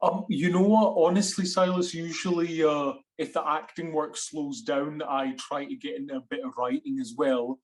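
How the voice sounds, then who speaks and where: A man in his twenties from Sri Lanka, speaking with a Scottish accent, has a slightly high voice and talks at normal speed with hardly any pauses. An actor and writer appearing as a guest in a casual interview, he rambles animatedly, full of fillers and restarts.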